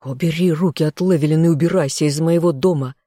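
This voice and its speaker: A jealous, sneering young man who snaps out insults, as the reader puts him on. The voice is mellow and dark in tone, recorded close and dry, like a studio audiobook. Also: mid-range voice, fast talker, no echo, close to an everyday voice. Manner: sneering, snapping.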